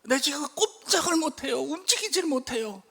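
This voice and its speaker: A man quoting a middle-aged male gang boss with a hurt back, pleading loudly and urgently. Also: very high voice, expressive, brisk, creaky, big-room sound, voice pushed up, heavily acted.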